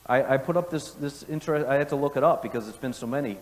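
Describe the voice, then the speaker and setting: A man's voice: medium pitch, quick pace. Polished corporate keynote man in an echoey hall. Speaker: company CEO giving a keynote. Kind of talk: conference keynote presentation. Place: large indoor conference room. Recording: echoey conference hall, long reverb.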